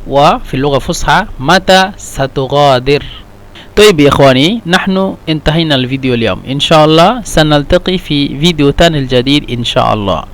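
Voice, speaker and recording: A man with a somewhat high voice teaches a language lesson. He drills each phrase patiently, repeating it several times. He switches into English to explain. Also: animated, fairly bright tone. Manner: slow, repetitive drilling of phrases, mixing in English. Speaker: Arabic teacher.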